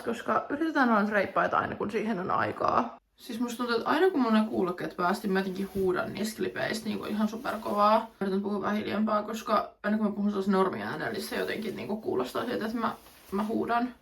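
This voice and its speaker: A woman's voice: medium pitch, vocal fry. A young woman in her twenties, casually vlogging to a phone camera at home, chatty and upbeat with lots of fillers. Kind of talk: casual vlog chat to camera. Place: at home, indoors.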